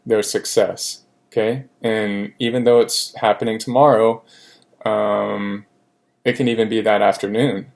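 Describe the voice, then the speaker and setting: Male French teacher, low voice, slow and patient, repeats examples, uses fillers. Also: gravelly, a little mellow. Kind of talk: recorded grammar lesson.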